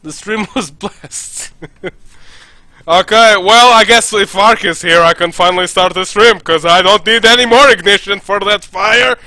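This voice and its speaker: Bright high-voiced young man streaming. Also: unhurried, no room sound, rough recording. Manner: rambling, with many fillers and restarts. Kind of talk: casual podcast-style stream chat.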